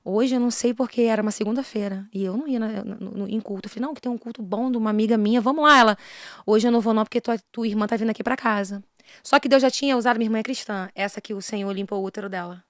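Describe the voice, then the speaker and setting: A rapid-fire woman pours out an earnest religious testimony, her voice dropping low and then surging with fervor. It is a dry, close sound with no room around it. She talks quickly, at middling pitch. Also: fairly even intonation, no echo. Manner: earnest, swings between hushed and raised passionate delivery. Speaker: missionary and preacher. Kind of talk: emotional faith testimony in a podcast interview.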